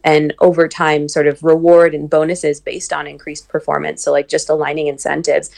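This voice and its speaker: This woman's voice is deep and creaky. Raised between the United States and Nigeria, she founded a venture capital firm, and she answers interview questions thoughtfully, often using fillers and restarting her sentences.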